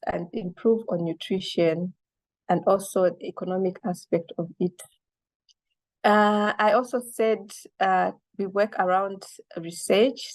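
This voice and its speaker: A woman on an online panel, speaking in a measured way with many pauses and fillers. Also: medium pitch, mellow, dry recording. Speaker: panelist from a seed and research organization.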